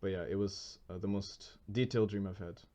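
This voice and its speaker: A man's voice: low voice, fairly even intonation, fairly quick, warm tone. A man co-hosting a podcast, telling a long story in casual chat, full of fillers, restarts and bursts of laughter. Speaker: podcast co-host.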